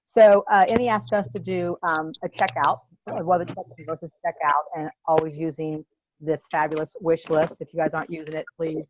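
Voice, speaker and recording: A woman's voice: low voice, steady tone, fairly quick, slight background noise. A woman on a video call whose headset voice comes through muffled, as if through a wall. She is a sales consultant setting up a role play in a chatty way, with lots of "okay" and "um". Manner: chatty, with frequent "okay" and "um" fillers. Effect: muffled, as if heard through a wall.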